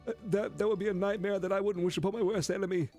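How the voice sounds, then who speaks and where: A man's voice: high voice, steady tone, fast talker, darkish tone, faint music behind, voice pushed up, natural voice. A man voicing a grumpy, whiny young male companion who stammers through restarts and swears.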